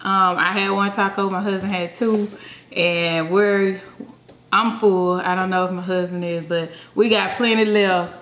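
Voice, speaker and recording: A woman's voice: mid-range voice, steady tone, measured pace, a bit bright. A woman chatting casually through a food-tasting vlog in an upbeat, chatty way, with plenty of fillers. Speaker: vlogger. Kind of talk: casual mukbang chat. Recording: echoey room with faint hiss.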